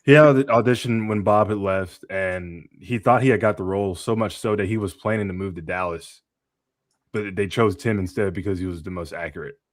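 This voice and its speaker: A male voice artist in a casual group chat, measured and explanatory with fillers. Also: low voice, dry recording, clean studio sound. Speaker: voice artist, panel regular.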